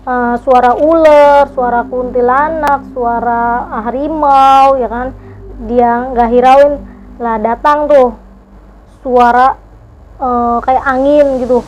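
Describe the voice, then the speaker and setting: A woman's voice: high voice, steady tone, slow, darkish tone, slight background noise, rough recording. A woman guest telling a neighbour's ghost story in casual talk, hesitant and full of fillers, acting out shocked gasps.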